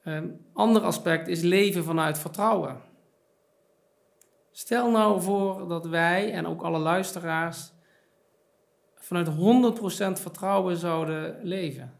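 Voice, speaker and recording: A man's voice: high-pitched, a little slow, gravelly. A middle-aged man, a podcast guest and author, talking reflectively in a casual chat with many fillers and repeated words. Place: podcast studio.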